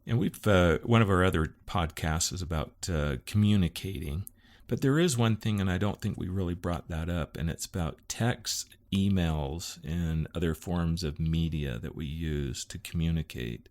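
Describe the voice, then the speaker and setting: A middle-aged man with a very low, deep voice talks easily with his co-host. He pauses and restarts often as he works through what he wants to say. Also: darkish tone. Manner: easygoing, halting with fillers and restarts. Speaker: podcast co-host. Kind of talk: casual chat.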